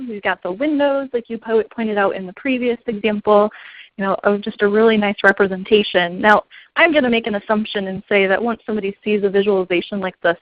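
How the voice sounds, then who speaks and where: A woman's voice: medium pitch, no room sound. Upbeat woman hosting a webinar. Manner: upbeat and encouraging, with frequent fillers. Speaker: webinar host. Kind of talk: casual scripted webinar interview. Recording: muffled lo-fi online call audio.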